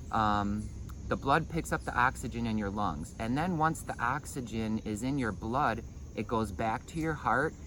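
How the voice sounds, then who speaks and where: Male breathing instructor, noisy chirping background. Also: mid-range voice. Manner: explanatory, hesitant phrasing with repeated words. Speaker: breathing meditation and Qigong instructor. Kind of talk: informal spoken lesson.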